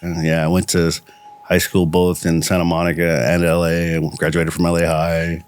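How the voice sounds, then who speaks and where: A young man from El Salvador, raised in a big city, recalling his family in a reflective, somewhat halting way. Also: sits low, completely flat delivery, smooth. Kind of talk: personal interview.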